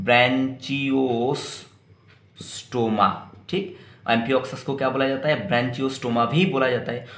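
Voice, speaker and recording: Slow, spelling-out biology teacher, man. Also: mid-range voice, a bit bright, roomy sound. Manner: spells terms letter by letter, repeats and quizzes students. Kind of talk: classroom lecture.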